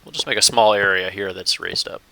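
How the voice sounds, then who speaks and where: A man's voice: low-pitched, steady tone, fairly quick, gravelly, pushed and bright, a little hiss or hum. A man casually talking through his gameplay as a channel host, thinking aloud and chuckling now and then. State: hiccups. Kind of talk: casual let's-play commentary.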